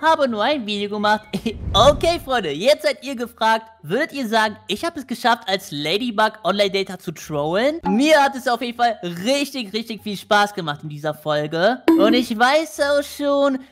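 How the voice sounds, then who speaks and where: A woman hosting a gaming video, giving excitable, dramatic commentary on a role-play game and constantly addressing her viewers. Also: fairly high pitch, normal speed.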